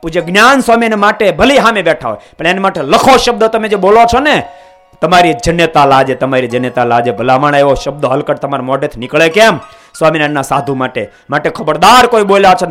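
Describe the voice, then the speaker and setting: A man preaching a sermon, scolding his listeners with passion and swinging from loud outbursts to hushed asides. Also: fairly high pitch.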